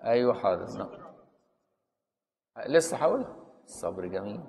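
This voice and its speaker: A man's voice: fairly low pitch, very animated, fairly quick, gravelly, a little mellow, big-room sound. A man with an Egyptian accent teaching Islamic jurisprudence in a conversational lecture, often stopping to ask the students if they follow. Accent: Egyptian Arabic.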